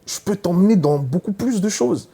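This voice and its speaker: A man voicing a giant, hateful male tempter who taunts quietly and with contempt. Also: sits high, expressive, normal speed, creaky, breathy edge, voice pushed up, exaggerated voice. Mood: taunting.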